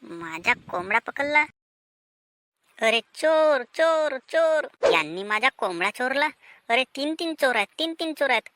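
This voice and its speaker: A woman voicing an angry male village farmer in a cartoon, shouting threats and scolding in a Vidarbha Marathi accent. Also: medium pitch, lively intonation, moderate pace, no room sound. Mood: alarmed. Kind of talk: cartoon drama voice acting.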